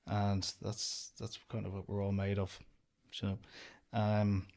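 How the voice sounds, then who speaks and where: An Irish man in his young adult years chats easily as a guest, his voice sitting a little low. He rambles comfortably, leaning on "do you know" as he talks about being outdoors. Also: completely flat delivery, unhurried, creaky, darkish tone. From Ireland. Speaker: guest, outdoor business owner. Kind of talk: casual interview chat.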